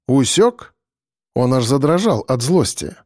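A man narrating an audiobook in the first person, calm and wry, on a close studio mic. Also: medium pitch, normal speed, no room sound.

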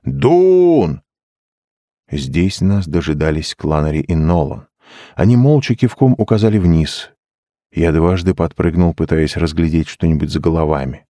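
A man reading an audiobook in steady, measured storytelling narration. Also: rumbling low, dry recording, studio quality. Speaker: audiobook reader. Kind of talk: scripted narration.

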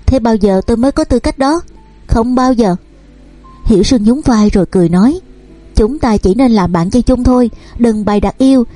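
A woman narrating a romance novel and reading every character's lines in her own voice, over soft background music. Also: fairly high pitch, a little fast, dry recording. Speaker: audiobook narrator. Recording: dry close recording with soft music underneath.

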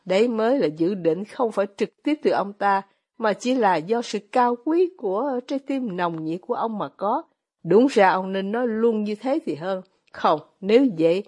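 A woman reading as a poor, bitter older male ex-officer with quiet irony, in an audiobook. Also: medium pitch, slightly rough.

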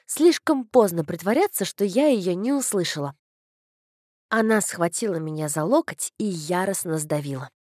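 A woman's voice: fairly low pitch, animated, normal speed, darkish tone, no echo, studio quality. A woman narrating an audiobook in the first person with a wry, ironic delivery.

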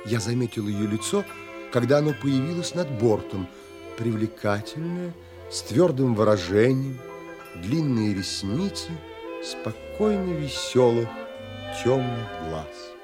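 In a literary audio play, an actor portrays a wistful romantic man narrating his longings in a measured, contemplative, expressive way. His voice is medium-pitched and his mood absorbed and reflective, with music playing in the background.

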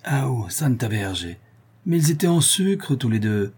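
A man's voice: mid-range voice, big pitch swings, unhurried, a little mellow, slightly rough, pitched above the performer's own voice. Man doing a blunt, wry craftsman.

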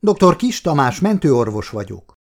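A man doing a brisk emergency doctor. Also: on the high side, sing-song, a little mellow, pitched above the performer's own voice. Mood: calm. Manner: brisk, professional, reassuring. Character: middle-aged male emergency doctor, brisk and calm. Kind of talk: audiobook character voice.

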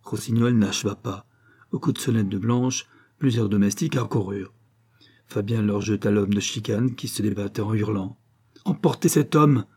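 A man reading a classic novel aloud as narrator, measured and dramatic. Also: on the low side, steady tone, warm tone, breathy edge. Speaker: audiobook narrator. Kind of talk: scripted narration.

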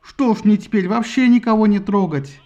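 A man doing Achilles, a shouting hotheaded hero. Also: high-pitched, moderate pace, lo-fi sound, pitched above the performer's own voice, lightly acted. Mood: indignant. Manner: shouting, indignant. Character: hotheaded young male Greek hero, loud and boastful.

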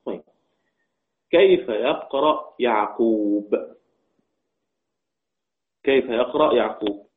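Man teaching recitation over tinny audio. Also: medium pitch. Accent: Egyptian. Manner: slow melodic recitation of quoted verses between explanations; asks questions and answers them himself, repeating key points. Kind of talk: religious lesson, explaining and reciting verses.

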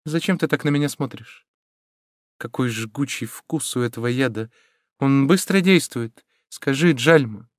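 A man reading an audiobook and voicing a proud, anguished young woman with high, strained cries. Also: measured pace, no room sound, clean studio sound, natural voice. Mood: grimly resolute.

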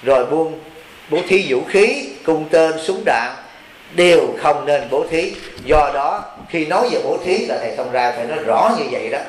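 A Buddhist monk preaches in a folksy, teasing way and keeps checking in with his audience. His voice sits a little high for a man. The sermon echoes through a roomy hall over a faint hiss. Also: lively intonation, moderate pace. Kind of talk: sermon to a retreat.

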